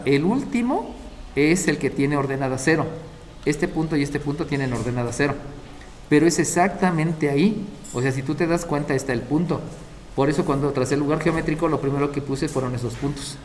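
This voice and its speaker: A math teacher with a slightly high voice lectures over faint background noise. He walks through the material step by step and often checks on the class with short questions.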